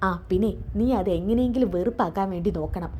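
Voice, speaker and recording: A woman's voice: mid-range voice, quick pace, warm tone, slight background noise, natural voice. A woman voicing a scheming middle-aged mother who gloats and plots with her son. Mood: gloating. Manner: gloating, conspiratorial.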